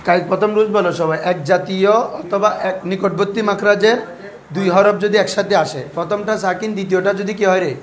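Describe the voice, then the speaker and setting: A man's voice: sits high, fairly even intonation, brisk. A man teaching a class of pupils, asking them questions over and over and having them answer back. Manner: quizzing, repeats questions and has pupils answer. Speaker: teacher of Arabic grammar and Quran recitation rules.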